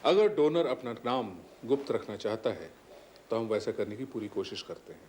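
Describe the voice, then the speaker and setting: An actor playing a calm, evasive hospital doctor. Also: male voice, lowish voice, moderate pace, a little hiss or hum, lightly acted. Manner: calm, explaining, polite. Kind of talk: TV serial acting.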